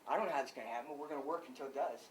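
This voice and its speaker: A man's voice: mid-range voice, rapid-fire, recorded from a distance, a little hiss or hum, low-quality recording. An older man, a wrestling coach, giving an emphatic clinic talk full of rhetorical questions.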